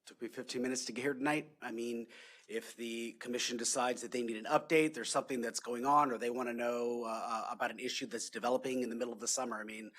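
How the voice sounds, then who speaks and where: A man's voice: medium pitch, fairly even intonation, fast talker, fairly bright tone. A man speaking as a lobbyist in a council meeting, answering questions politely with many fillers and "yes, sir". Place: city council chamber.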